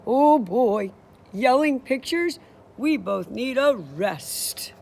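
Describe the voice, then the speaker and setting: A woman's voice: fairly high pitch, expressive, takes it slowly, gravelly, a little mellow, voice pushed up, full character voice. A woman reading aloud voices a blustering male art thief who turns quivery and nervous. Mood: shaken.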